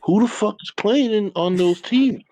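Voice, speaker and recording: A man's voice: sits high, moderate pace, darkish tone, rough recording. A man co-hosting a casual chat, blunt and profane, fumbling now and then for words.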